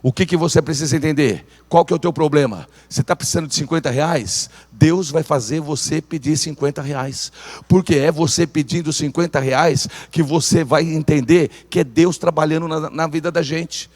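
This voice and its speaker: Animated preacher, high voice. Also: male voice, normal speed. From Brazil. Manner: animated, calls on the congregation to repeat phrases. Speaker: pastor. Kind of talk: sermon. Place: church sanctuary. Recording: church hall reverb.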